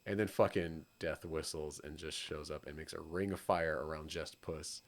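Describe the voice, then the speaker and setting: A man with a very deep voice co-hosts a film podcast. He talks through the plot in an easygoing, casual way. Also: fairly even intonation, moderate pace. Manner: laughs often, easygoing. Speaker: podcast co-host. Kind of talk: casual chat.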